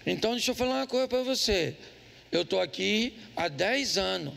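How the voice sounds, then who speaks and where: A man's voice: high-pitched, expressive, normal speed, gravelly, a bit bright. A man preaching a humorous sermon as pastor, quizzing the congregation with jokes. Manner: joking storyteller, quizzes the congregation. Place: church.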